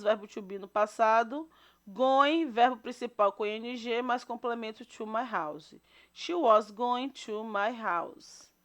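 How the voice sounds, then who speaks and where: A woman leads a recorded grammar lesson in a slightly high voice. She is patient and repeats each example, checking in with her students after every point. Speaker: English teacher.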